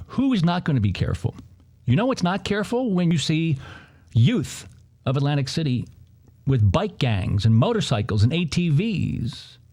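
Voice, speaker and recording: A man's voice: fairly high pitch, a little mellow. A man hosting a political commentary show, talking in a heated, sarcastic way with mocking asides.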